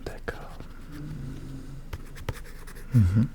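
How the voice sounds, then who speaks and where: A man doing a soft-spoken, whispered role-play as a psychologist, questioning gently and attentively in a hushed voice that drifts into whispers. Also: very slow, a little hiss or hum. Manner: gentle, attentive questioning with short murmured acknowledgements. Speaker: ASMR performer role-playing a psychologist.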